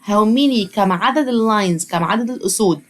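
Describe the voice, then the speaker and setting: A woman teacher with an Egyptian Arabic accent leads a lesson for young children. She drills each word by saying it slowly several times and praises the kids as they go. Her voice sits in an ordinary middle pitch. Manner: drills words by slow repetition, encouraging.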